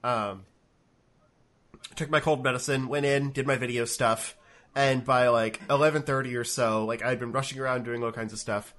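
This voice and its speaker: On a remote call with a webcam setup in a home room, this co-host chats casually despite a cold that leaves him sniffly and congested. His medium-pitched voice is fairly bright, with a steady tone and moderate pace. He rambles, restarting often and using many fillers.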